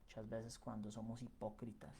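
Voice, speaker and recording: A man's voice: fairly low pitch, monotone, normal speed, vocal fry, mellow, slight background noise. A man giving a Bible reflection in a conversational way, with many fillers and tag questions. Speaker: preacher.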